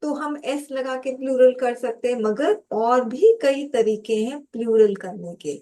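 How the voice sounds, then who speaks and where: A woman teaching a grammar lesson at an unhurried, deliberate pace. Her voice sits somewhat high. She walks through each rule patiently, asking her students questions and then answering them herself. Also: dark tone. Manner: addresses viewers as students.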